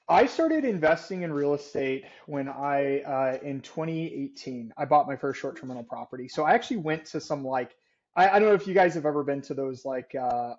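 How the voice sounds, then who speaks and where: A man's voice: medium pitch, a little mellow, muffled recording. A man from Georgia with a faded Southern accent, a podcast guest telling stories in a chatty, laugh-filled way. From Savannah, Georgia. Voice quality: chatty, laughs often, filler-heavy storytelling. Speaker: podcast guest, real estate investor. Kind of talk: casual interview chat.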